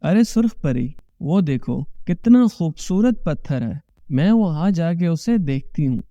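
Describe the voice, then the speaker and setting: A man's voice: fairly high pitch, big pitch swings, dark tone, dry recording. A man voicing a stubborn, curious young female fairy in a cartoon story. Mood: headstrong. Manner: headstrong, then frightened. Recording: dull lo-fi dry recording.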